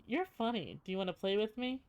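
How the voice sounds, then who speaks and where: A person voicing a creepy talking girl doll in a video game, sweet and playful but menacing, with a too calm, childlike manner. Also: medium pitch, fairly quick, smooth, lightly acted. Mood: sweetly menacing. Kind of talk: reading game dialogue aloud in character.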